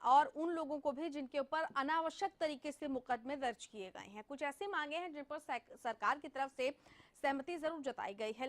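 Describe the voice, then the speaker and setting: Bright high-voiced woman news anchor. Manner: measured, questioning delivery.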